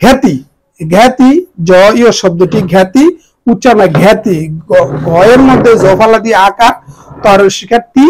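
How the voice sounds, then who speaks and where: A man teaching a grammar lesson to students, spelling out the pronunciation of words slowly, letter by letter. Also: high-pitched, poor audio. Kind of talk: exam-prep grammar lesson.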